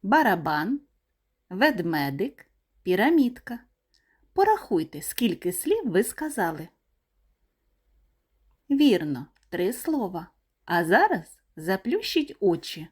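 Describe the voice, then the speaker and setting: Woman, kindergarten teacher, very slow and clear, melodic rise and fall. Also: mid-range voice, big pitch swings. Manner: clear, deliberate word-by-word pronunciation. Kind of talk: slow, sing-song lesson for small children.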